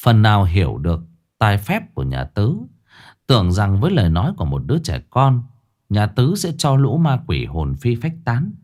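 A man narrating a ghost story in a lively, dramatic scripted reading. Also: lowish voice, moderate pace.

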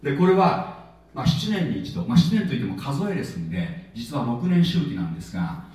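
A man preaching a sermon in a chatty, lively way, with plenty of filler words. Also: medium pitch, a little fast. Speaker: pastor. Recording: echoey hall, voice from far off.

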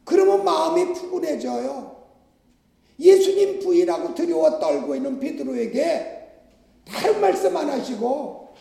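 A male pastor preaches in a very high, lively voice, his pitch rising and falling as he asks his listeners question after question. His tone is dark and mellow, with a gravelly edge. The sound carries the long, booming reverb of a church hall. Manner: conversational preaching with rhetorical questions. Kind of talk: sermon.

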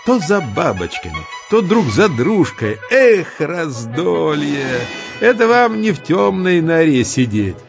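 A man telling a children's story as an expressive narrator reading from a script. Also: fairly high pitch, slow, vocal fry, muffled recording. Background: music.

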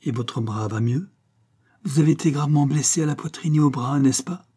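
A man voicing a young woman nurse who speaks courteously and gently, with a slightly raised pitch. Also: brisk, slightly rough. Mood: warm surprise.

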